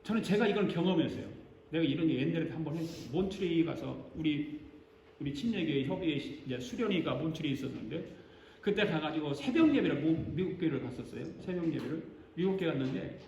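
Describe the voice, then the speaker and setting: Older male pastor preaching, playful and animated, in a roomy, reverberant church. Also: fairly high pitch, fairly quick, vocal fry, dull audio, a little hiss or hum. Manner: animated, joking, acts out congregation responses. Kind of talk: sermon. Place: church sanctuary. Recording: echoey church sanctuary.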